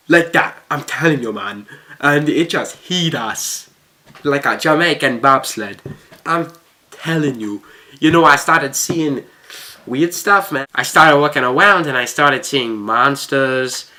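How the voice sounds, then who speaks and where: A vlogger telling an exaggerated, mock-serious story to viewers, with drawn-out emphasis. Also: medium pitch, bright, forceful tone. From Melbourne, Australia. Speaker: video host. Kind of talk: vlog storytime, addressed to viewers.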